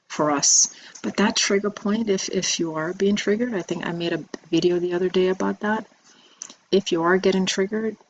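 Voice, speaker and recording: A woman giving a spiritual message video, soft-spoken and reflective, with many pauses and ums. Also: fairly low pitch, slight background noise, low-quality recording. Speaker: spiritual teacher.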